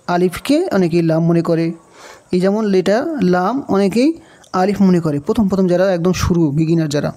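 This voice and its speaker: A man with a Bangladeshi Bengali accent teaches Quran reading, patiently naming each letter slowly and repeating it. His voice is high and mellow.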